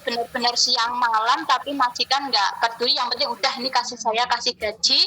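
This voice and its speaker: A woman's voice: a little high, steady tone, fairly quick, pushed and bright, low-quality recording. A woman working as a domestic helper, answering deferentially in a casual phone chat. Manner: deferential, short eager replies. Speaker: migrant domestic worker.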